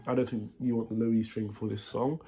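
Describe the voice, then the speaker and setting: A man with a cold, sounding nasal and congested, teaching a guitar song in a halting, casual way with many fillers and self-corrections. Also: on the low side, little pitch movement. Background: guitar playing.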